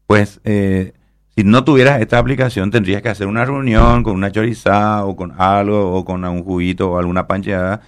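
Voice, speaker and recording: A man explaining things at length, with many fillers and tag questions. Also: on the low side. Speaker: guest. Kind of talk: explaining an app in a radio interview.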